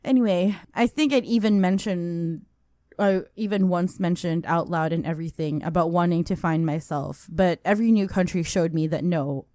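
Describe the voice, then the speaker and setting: A woman with a slightly low voice, recorded dry and close, reads a listener's story on a podcast. She is casual and giggly, laughing as she goes and tripping over a word now and then. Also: dark tone, no echo. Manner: giggly, breaks into laughter while reading; casual, stumbles over words and asides. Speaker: podcast host. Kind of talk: reading a listener's story aloud.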